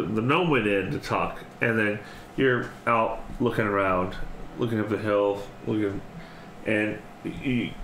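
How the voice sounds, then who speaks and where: A man's voice: lowish voice, fairly bright tone. A man running a tabletop game, narrating off the cuff and often repeating phrases as he improvises. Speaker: game master. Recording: echoey room with faint noise.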